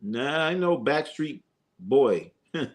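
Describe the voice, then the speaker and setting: Taking it slowly in an animated, mid-range voice, this man runs a casual live sports stream, going through viewer comments with a co-host. He jokes around, uses slang and fills his speech with fillers.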